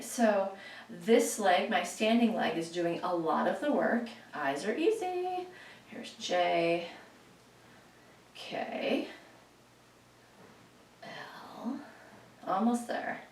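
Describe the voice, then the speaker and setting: A woman's voice: medium pitch, lively intonation, drawn-out words, pauses often, darkish tone, a little hiss or hum. A woman leading a home workout, chatty and playful, cueing moves in a sing-song voice. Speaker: fitness instructor. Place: room at home. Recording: echoey room, voice from far off.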